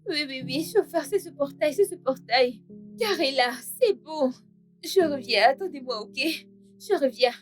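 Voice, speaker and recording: A wronged young woman in a French film dub, desperate and pleading. Her voice sits high and she begs through tears. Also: lively intonation, measured pace, soft background music. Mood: panicked. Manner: pleading, tearful.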